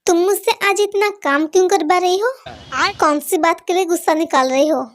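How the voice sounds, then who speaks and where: Very high-voiced woman doing playful fan-dub dialogue. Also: normal speed. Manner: playful, teasing, animated dialogue. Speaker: fan dub voice-over artist. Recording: noisy home recording.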